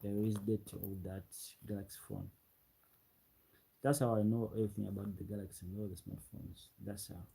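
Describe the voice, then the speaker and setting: Reading comments during a late-night livestream, a young Ugandan man speaks in a fairly low, fairly quick voice that is creaky and slightly rough. He keeps it relaxed and rambling, repeating himself often, and the recording itself is rough.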